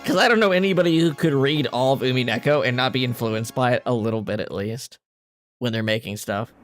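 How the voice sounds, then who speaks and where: A man's voice: mid-range voice, fairly quick. A man chatting casually as he streams a game. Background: music.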